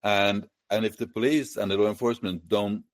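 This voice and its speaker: Casting: Norwegian interviewer, low voice, halting, dry close sound. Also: male voice, fairly even intonation, no room sound. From Norway. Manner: halting, restarts words often. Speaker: host, interviewer. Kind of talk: conversational interview.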